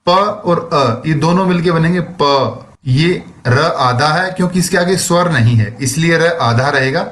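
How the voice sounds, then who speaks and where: A male teacher giving a recorded lesson, slowly explaining words one by one and translating each. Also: a little high, fairly bright tone. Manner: slow, explains word by word with translations.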